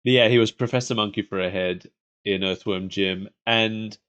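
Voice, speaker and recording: A man's voice: fairly low pitch, steady tone, normal speed, fairly bright tone, smooth, lo-fi sound. A man co-hosting a podcast, chatting casually about cartoons like an enthusiastic fan. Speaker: podcast co-host. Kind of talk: casual chat reviewing cartoons.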